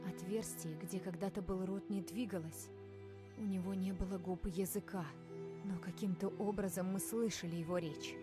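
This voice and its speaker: A woman's voice: mid-range voice, fairly even intonation, a little fast, music in the background, natural voice. A woman playing a young female adventurer, narrating her fantasy tale in a suspenseful, scripted style for a game. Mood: hushed dread.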